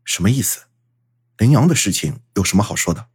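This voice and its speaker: A woman voicing a cold, impatient young male detective in an audiobook, speaking in curt, husky low tones. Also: expressive, fairly quick, darkish tone, heavily acted.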